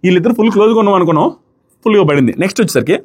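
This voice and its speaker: A man reviewing a reality show in casual commentary, retelling each quarrel with animated quoting. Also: sits high, very fast, husky. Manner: animated retelling, acts out quotes.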